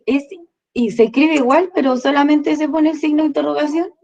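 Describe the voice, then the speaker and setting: A woman's voice: high-pitched, steady tone, a little fast, darkish tone. A woman student asking her teacher a question in an online class. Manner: asks questions.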